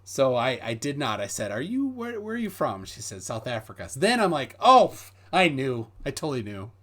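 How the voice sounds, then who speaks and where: This American live streamer's medium-pitched, slightly bright voice swoops wildly in pitch at a normal speed. In casual chat he rambles through stories with lots of hesitant fillers and reads out messages from viewers.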